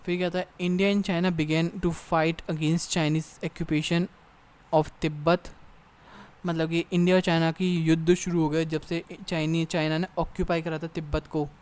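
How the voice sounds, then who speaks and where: A young man teaching an exam-prep lesson, reading English text slowly and then explaining it casually with frequent check-ins. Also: a little high, level tone, a little mellow, clear, resonant tone. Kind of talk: exam-prep lecture in Hindi mixed with English.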